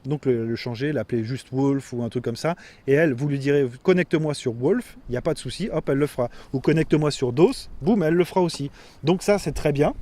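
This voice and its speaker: A man's voice: fairly high pitch, mellow. A man giving a casual, rambling product review, full of fillers and self-corrections. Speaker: tech reviewer.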